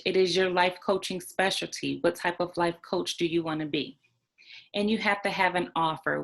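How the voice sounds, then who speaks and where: A woman's voice: fairly low pitch, fairly bright tone. A woman giving an online training on life coaching, emphatic, repeating key points and checking in with "right?" and "okay?".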